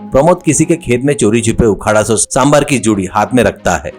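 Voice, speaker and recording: A man's voice: mid-range voice, a little fast. Man narrating a comic story. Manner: steady, plain narrating. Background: faint music.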